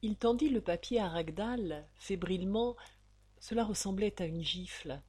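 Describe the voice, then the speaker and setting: A woman narrating a serial novel as an audiobook, in a measured, dramatic storytelling manner. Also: medium pitch, a little mellow, slightly rough.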